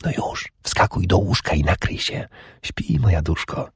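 A man reading an audiobook, voicing a bold, sly young princess in a hushed, often whispered voice. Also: fairly low pitch, lively intonation, normal speed, husky, no echo, clean studio sound, pitched above the performer's own voice, heavily acted. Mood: playful, conspiratorial. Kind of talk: audiobook character voice.

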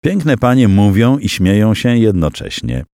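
A man with a very deep voice narrates an audiobook, his delivery expressive and full of swings in pitch. The recording is close and dry, with no room sound. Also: measured pace, gravelly, no echo. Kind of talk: scripted narration.

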